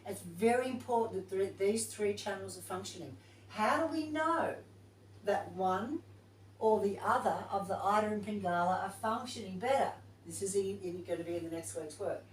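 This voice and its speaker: A woman's voice: mid-range voice, moderate pace, slight background noise. A woman leading a yoga teacher training class, talking informally and thinking aloud as she reads to her group. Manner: chatty, informal, thinks aloud while reading. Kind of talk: casual group class talk. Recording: distant, echoey room recording.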